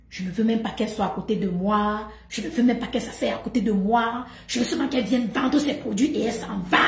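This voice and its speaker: A middle-aged woman talks to her live audience in an animated, emphatic way, repeating herself and laughing often. Her voice sits a little high for a woman. The room gives it a noticeable echo. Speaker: live streamer. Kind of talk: animated gossip monologue. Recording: roomy echo.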